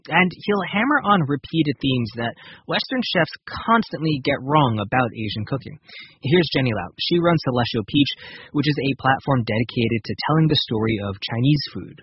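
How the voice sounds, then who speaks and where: A man narrating a scripted radio feature as a reporter, measured and conversational. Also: mid-range voice, expressive, slightly rough, no room sound, muffled recording.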